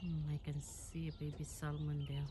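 Speaking at a moderate pace in a low voice with little pitch movement, a woman in her forties films a casual fishing vlog beside a canal. She chats into a phone held at arm's length, using lots of fillers, while loud outdoor noise fills the recording.

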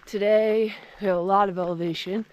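A woman's voice: medium pitch, fairly even intonation, a little fast, darkish tone, a little hiss or hum. A woman vlogging casually while hiking up a mountain trail, upbeat and chatty, out of breath from the climb. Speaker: thru-hiker vlogger.

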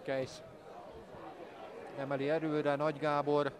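A man giving measured live commentary on a football match. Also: a little high, level tone. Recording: crowd noise from stadium. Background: stadium crowd.

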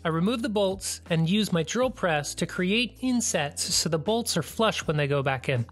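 Calm, practical DIY tutorial narrator. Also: medium pitch, normal speed, soft background music. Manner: plain, practical step-by-step explaining. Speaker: DIY channel host. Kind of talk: scripted tutorial voice-over.

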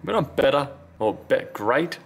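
A man with a mid-range voice and lively intonation speaks at a measured pace, giving relaxed, unscripted commentary as he repairs phones at an indoor bench for his videos. He sometimes mutters to himself, and the background noise is clear.

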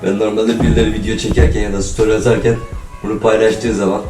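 A young man with a cold, whose voice sounds flat and robot-like, chatting casually to his viewers while he makes breakfast in a kitchen. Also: fairly low pitch, fast talker. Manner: chatty, keeps calling viewers "friends". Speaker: vlogger. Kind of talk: casual talking-to-camera vlog. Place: kitchen of a holiday home. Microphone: camera on a tripod a few steps away. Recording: roomy, distant camera mic, faint music.

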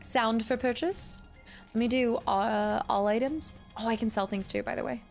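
A woman's voice: on the high side, fairly even intonation, moderate pace, vocal fry, faint music behind. A young adult woman streamer giving casual, chatty game commentary and thinking aloud in a room at home. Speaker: gaming streamer. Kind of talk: casual let's play commentary.

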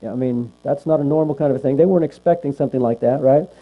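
A man's voice: medium pitch, fast. Man teaching a Bible class, lo-fi. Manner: conversational, asks the class questions, tags lines with "right?". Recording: lo-fi recording with mains hum.

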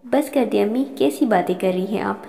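A woman voicing a young male doctor who teases and gently coaxes. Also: mid-range voice, fairly quick, gravelly, close to an everyday voice. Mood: defensive. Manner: teasing, gentle. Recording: long reverb.

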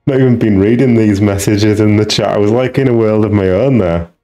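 A man's voice: on the low side, mellow. A man giving casual, musing commentary while streaming a video game, talking half to himself as he tinkers with settings.

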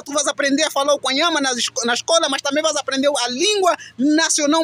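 Young angolan guy, angolan portuguese accent, really high voice, preachy and repeats himself a lot. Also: fairly bright tone, a little hiss or hum. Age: young adult. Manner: preachy, repetitive, exhorting. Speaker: commentator. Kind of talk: impassioned monologue.

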